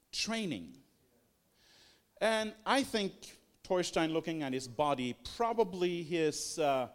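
A man's voice: high-pitched, a bit bright. A man giving a sermon-style teaching, talking in an emphatic, rhetorical way with lots of repetition. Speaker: preacher.

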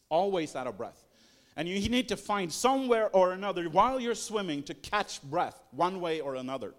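A man giving a sermon-style teaching, talking in an emphatic, rhetorical way with lots of repetition. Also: sits high. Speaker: preacher.

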